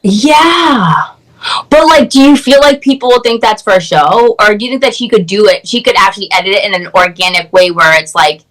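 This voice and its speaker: Woman, guest, excited gushing chat, video call audio, mid pitch. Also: fast talker, few pauses, rough recording. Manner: excited, gushing, heavy use of "like". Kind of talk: casual chat.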